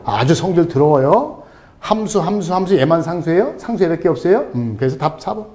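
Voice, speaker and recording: A man's voice: fairly high pitch, expressive, a little fast, a little mellow. A middle-aged man giving a casual, joking tutoring lesson over a screen recording, talking straight to his viewers. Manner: playful, joking, talks to viewers directly. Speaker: online tutor.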